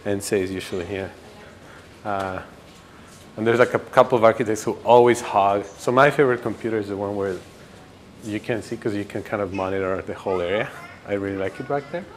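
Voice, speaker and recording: A man. His voice sits a little low, and his relaxed, rambling talk is full of fillers. A faint hiss sits under the recording. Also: fairly quick. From Ecuador. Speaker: graduate student giving a campus tour. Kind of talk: casual documentary interview.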